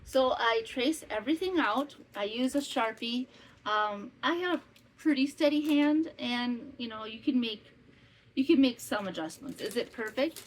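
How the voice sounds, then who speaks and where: This Midwestern podcast host, a woman in her fifties from northwestern Wisconsin, talks on the high side at a moderate pace, rambling with asides and self-corrections in a casual home chat. The recording is rough, with a fan humming faintly in the summer heat.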